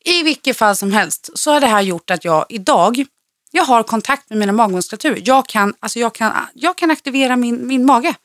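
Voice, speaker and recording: A woman, a personal trainer, telling a personal story in casual podcast chat, with lively jumps up when excited. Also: a little high, no echo, clean studio sound.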